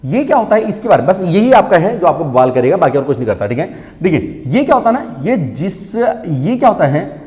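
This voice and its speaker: A man teaching a Hindi spelling lesson, constantly asking questions and answering them himself, drawing out key words slowly. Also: a little high, very animated, warm tone. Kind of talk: classroom-style online lesson. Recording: long reverb.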